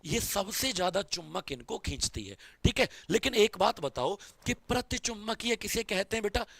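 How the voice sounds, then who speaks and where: A male science teacher giving an online exam-prep lecture, quizzing students over and over in a fond way. His voice cracks when he talks fast. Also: high voice, expressive, gravelly, fairly bright tone, no echo. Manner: repetitive quizzing, calls students "beta" and "babu".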